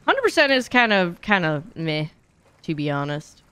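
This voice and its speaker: A young woman's lowish voice comes across as very animated, a bit bright and clean, at a moderate pace with no echo. Playing on a livestream, this streamer and speedrunner chats casually and candidly into a close microphone, swearing freely and thinking aloud, in a small home streaming room indoors.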